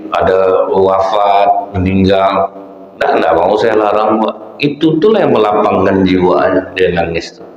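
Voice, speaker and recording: A man preaching a sermon in an animated way, often turning to his listeners as sir and ma'am. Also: fairly low pitch. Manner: animated, addresses the audience as Pak and Bu. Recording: echoey, dull hall recording.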